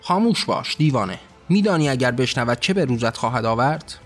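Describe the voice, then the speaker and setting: A man's voice: mid-range voice, lively intonation, breathy edge, soft background music. A man voicing a stern male angel who snaps curt, scolding orders in a storybook reading.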